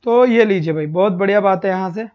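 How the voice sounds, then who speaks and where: A man's voice: high voice, quick pace. A male teacher giving a live online exam-prep lesson, who repeats each answer, asks rhetorical questions and calls his students "beta". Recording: slightly dull lo-fi stream audio.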